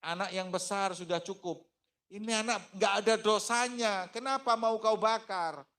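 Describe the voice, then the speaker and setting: A man's voice: mid-range voice, unhurried, a bit bright, natural voice. A man voicing a devout young mother who pleads and holds firm, with a Banjar accent. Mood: pleading. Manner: pleading, shifting between firm and anguished.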